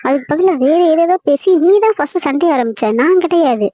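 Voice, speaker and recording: A woman's voice: sits high, lively intonation, brisk, dark tone, dry recording. A young woman acting a hurt wife arguing with her husband on a phone call. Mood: hurt, angry. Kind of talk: acted phone-call drama.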